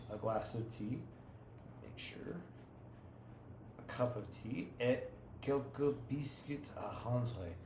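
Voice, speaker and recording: Slow, hesitant man in an echoey room. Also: mid-range voice, darkish tone. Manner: hesitant, halting, self-correcting. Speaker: language learner reading aloud. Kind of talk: reading practice session. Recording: roomy room with faint background noise.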